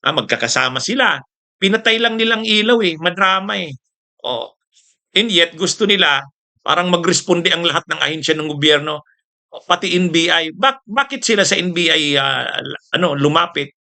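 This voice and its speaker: A man's voice: a little high, lively intonation, moderate pace, pushed and bright. A Filipino man hosting casual political commentary, chatty, with laughing asides and rhetorical checks to his audience.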